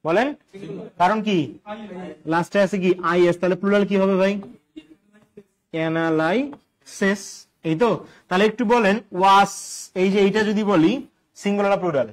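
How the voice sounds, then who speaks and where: A man's voice: high voice, fairly even intonation, a little fast, pauses often. A male teacher, giving an exam-prep grammar lesson and quizzing listeners with repeated questions and jokes. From Bangladesh.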